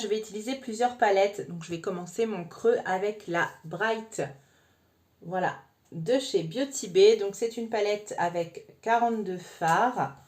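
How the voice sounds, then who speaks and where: A woman talking the viewer through a makeup tutorial in a chatty, informal way. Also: mid-range voice. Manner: chatty, addresses viewer informally with frequent "hein". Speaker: makeup vlogger.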